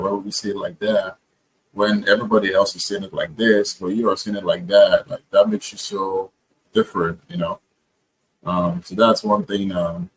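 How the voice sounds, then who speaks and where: A man's voice: low-pitched, fairly bright tone, breathy edge, poor audio. A man talking casually to camera, earnest and reflective, with frequent hesitations and restarts. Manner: hesitant, many ums and restarts. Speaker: vlogger.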